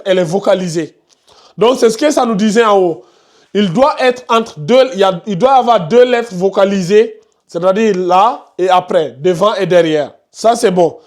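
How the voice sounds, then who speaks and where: A man's voice: high-pitched, a little mellow. A man teaching Quran recitation rules in an online class. He repeats himself and points at details on the screen. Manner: repetitive, pointing out details on screen, scolds noisy students.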